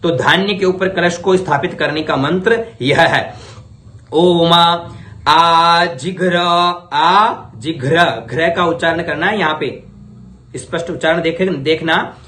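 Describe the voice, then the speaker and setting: In an echoey room, a man with a somewhat high, slightly bright voice teaches Vedic ritual. He chants mantras slowly, syllable by syllable, for his students to repeat, then explains them quickly in plain speech.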